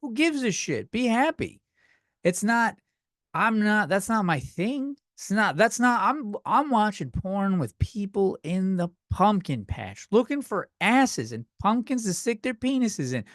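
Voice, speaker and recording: A man's voice: high-pitched, very animated, a little slow, a bit bright, no room sound, studio quality. A man in his thirties hosting a solo comedy podcast, rambling and swearing as he rants. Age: 30s. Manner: rambling, profane, self-deprecating. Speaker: podcast host.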